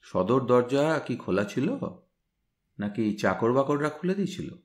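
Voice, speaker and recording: A man reading a story aloud, voicing a playful male detective who asks slow, teasing questions. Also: mid-range voice, big pitch swings. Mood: teasing, probing.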